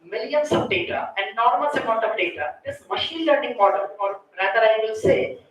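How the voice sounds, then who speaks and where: A woman's voice: fairly high pitch, animated, a little fast. A woman with an Indian accent giving a technical lecture as a conference speaker, explaining step by step and often checking in with short tag questions. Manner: explanatory, often ends points with checking tags like "right?" and "okay". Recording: distant mic, very echoey room, faint noise.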